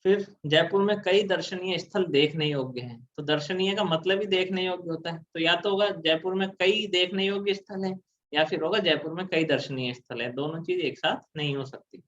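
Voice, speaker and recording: Male tutor, somewhat high-pitched, patient explanatory lecture style, muffled low-fidelity audio. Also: normal speed, a bit bright. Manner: explanatory, asks and answers his own questions. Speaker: teacher. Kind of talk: exam prep grammar lecture.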